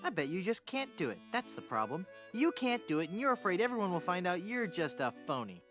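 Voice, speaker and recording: An actor playing a naive, cheeky young wannabe pirate in a comic adventure game, with a wry, breezy delivery. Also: male voice, high-pitched, big pitch swings, a little fast, a bit bright, soft background music. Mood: taunting.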